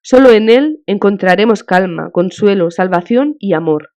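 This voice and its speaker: A woman's voice: mid-range voice, expressive, normal speed, a little mellow, lightly acted. A woman reading as a fervent, devout countess. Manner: fervent, consoling, emotional. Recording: dull lo-fi audiobook recording.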